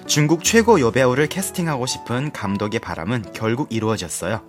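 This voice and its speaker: Male narrator, mid pitch, lively intonation, soft music behind. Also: fairly quick. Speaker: talk show panelist. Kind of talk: scripted narration.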